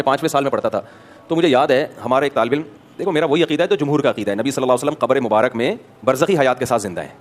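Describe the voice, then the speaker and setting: Male religious scholar from Pakistan, somewhat high-pitched, with a chatty, anecdotal sermon delivery. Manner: animated storyteller, acts out dialogues, rhetorical questions.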